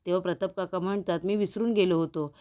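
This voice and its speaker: A woman narrating an episode recap in a steady retelling voice, recorded close as a voice-over. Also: on the low side, fast. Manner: steady retelling, repeating "तेव्हा इथे".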